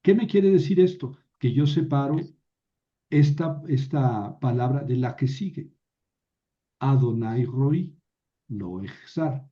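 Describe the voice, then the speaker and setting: A man's voice: mid-range voice, lively intonation, slow, dark tone, muffled recording. A man teaching a patient, step-by-step lesson, with many fillers and restarted words. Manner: stumbles and restarts words mid-sentence. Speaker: Biblical Hebrew teacher. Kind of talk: recorded online lesson.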